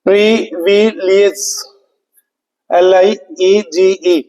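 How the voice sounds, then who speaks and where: Slow, high-voiced teacher. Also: male voice, steady tone, a little mellow, roomy sound, in a large hall, highs cut off. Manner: slow, spells words letter by letter, repeats questions to students. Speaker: English teacher. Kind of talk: exam prep lecture.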